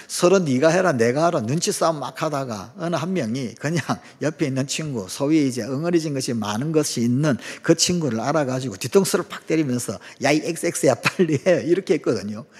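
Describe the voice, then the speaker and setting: Husky pastor preaching in a reverberant church. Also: male voice, fairly high pitch. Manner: storytelling, acts out quoted lines, asks the congregation questions. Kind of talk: sermon. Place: church sanctuary.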